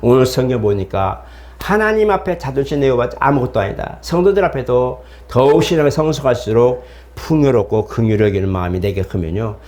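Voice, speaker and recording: A man's voice: mid-range voice, expressive, fairly quick, darkish tone. A middle-aged man preaching a sermon as pastor, in a conversational way, acting out the voices of the people he quotes.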